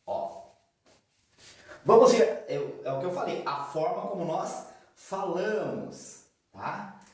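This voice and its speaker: A man teaching a grammar lesson, slowly repeating example words and checking in with his students. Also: high voice, animated, darkish tone, heavy reverb, recorded from a distance.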